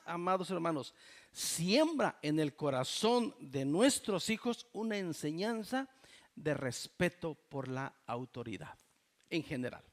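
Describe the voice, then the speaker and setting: A man, preaching a fervent sermon as pastor and often addressing the congregation as brothers. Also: a little high. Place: church.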